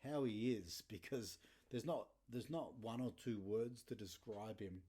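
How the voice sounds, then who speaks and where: A man's voice: on the low side, a little slow, dark tone, husky. A man in his thirties hosting a podcast, telling blunt, sweary stories casually and laughing often. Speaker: podcast host. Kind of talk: casual storytelling monologue.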